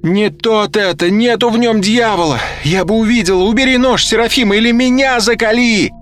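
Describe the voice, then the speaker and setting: A man's voice: high voice, a little fast, a bit bright, soft background music, pitched above the performer's own voice. A man reading an audiobook, voicing a nervous, frail young woman who screams her pleas. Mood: screaming. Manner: screaming pleas at full force. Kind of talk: audiobook character voice.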